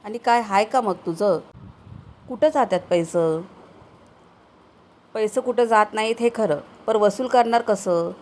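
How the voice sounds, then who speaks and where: A woman's voice: mid-range voice, unhurried, pauses often, a little mellow, natural voice. A harried village washerman , put on by a woman reading the story, grumbles and defends himself. He speaks in a storybook reading. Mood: grumbling.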